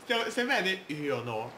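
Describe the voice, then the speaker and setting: A man's voice: sits high, reverberant, background noise. A man playing a video game, chatting playfully and reading the game's text aloud. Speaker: gamer. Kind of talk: Let's Play commentary.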